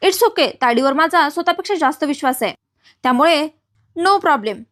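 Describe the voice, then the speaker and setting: A woman voicing a young man, a calm and trusting company boss. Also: high voice, moderate pace, no room sound, clean studio sound.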